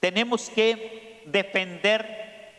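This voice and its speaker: A priest preaching a sermon, slow and emphatic, putting questions to his congregation. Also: high voice, steady tone, sharp tone. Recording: echoey church hall.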